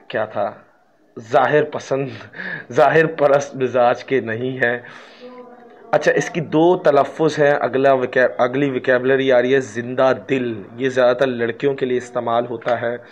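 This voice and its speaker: A man's voice: medium pitch, dull audio. A man with a Pakistani Urdu accent teaching English in a casual spoken lesson, drawing out example sentences and joking between them. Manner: slow, drawn-out English example sentences, jokey asides.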